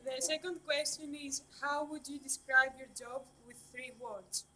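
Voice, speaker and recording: A young woman puts prepared questions as a student interviewer, quiet and far off. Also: sits high, fairly even intonation, a little slow. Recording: quiet, distant from the microphone.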